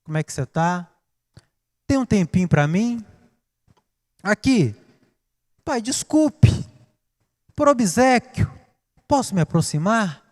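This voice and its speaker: A man's voice: sits high, very animated, slow pace, pauses often, darkish tone, heavily acted. A man voicing a young boy who pleads with his father for a gift, switching between meek and insistent. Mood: meek pleading. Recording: reverberant church hall.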